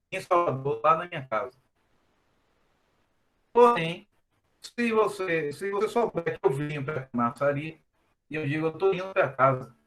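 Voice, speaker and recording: A man's voice: a little high, a bit bright. A man, a math teacher giving a recorded lesson, explaining step by step and often checking in with a rhetorical "né?". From Brazil. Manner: explanatory, repeats points with a rhetorical "né?".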